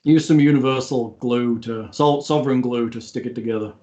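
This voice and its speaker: A man runs a tabletop game as its game master. His pitch is average and his talk is casual and conversational. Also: steady tone, fairly quick, mellow, highs cut off.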